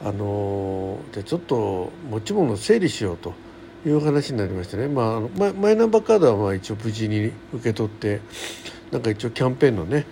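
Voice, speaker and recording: With a fairly low pitch and dark tone, a middle-aged man hosts a solo radio show. He chats casually and folksily in colloquial speech, rambling about daily-life anecdotes, over faint background noise.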